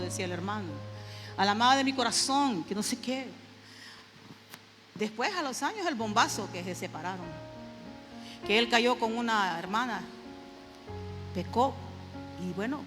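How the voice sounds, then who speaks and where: A woman's voice: a little high, a bit bright, long reverb tail. A middle-aged woman preaching a sermon, emphatic and repetitive, often asking the congregation "¿sabe?". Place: church sanctuary.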